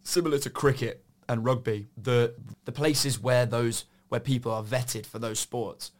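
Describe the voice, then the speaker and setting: A man co-hosts a podcast discussion. His voice is of average pitch, and he sets out his points in a conversational, discursive style. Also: fairly even intonation, measured pace. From Somerset, southern England. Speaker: podcast co-host.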